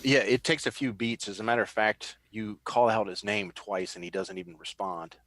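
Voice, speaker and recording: A man's voice: on the low side, steady tone, moderate pace, a bit bright, no room sound. A man narrating as game master, describing scenes in a rambling way with frequent restarts.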